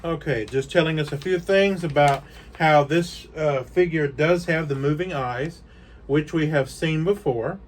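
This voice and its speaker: Rambly guy unboxing toys on camera, kinda high voice, lots of ums. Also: measured pace, slight background noise. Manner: chatty and rambling, with frequent fillers and yawns. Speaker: toy collector host. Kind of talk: casual unboxing video.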